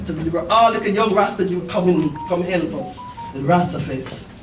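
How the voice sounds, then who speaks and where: A middle-aged woman who organized the event and is hosting it tells a story to the gathering in an informal, emphatic way, repeating phrases and checking in with her listeners. Her voice is lowish and her speed normal. The mic is distant, the room echoes, and the live crowd is noisy.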